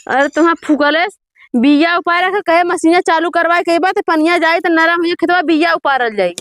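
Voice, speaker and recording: Fed-up farm wife woman acting, high voice, Awadhi accent, complaining and nagging in a rustic comedy sketch. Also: normal speed, a bit bright, no echo, studio quality. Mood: exasperated, accusing. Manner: plaintive grumbling and nagging.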